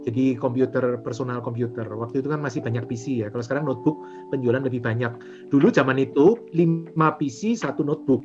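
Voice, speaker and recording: On an interview show, a property and franchise investor in his forties tells his story casually at a quick pace and medium pitch. He is animated, acting out remembered conversations and using many fillers, over dull lo-fi audio with music underneath.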